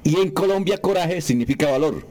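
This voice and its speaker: A man hosting a morning radio show, giving the time and briskly reading listener questions to a guest. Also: a little high, expressive, darkish tone. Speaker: radio host. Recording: radio broadcast.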